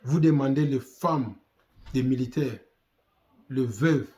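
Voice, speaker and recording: Here a Congolese man from the Democratic Republic of the Congo speaks slowly in a dark, mid-range voice with a Congolese French accent. He delivers fervent, exhorting commentary, asking rhetorical questions and repeating himself.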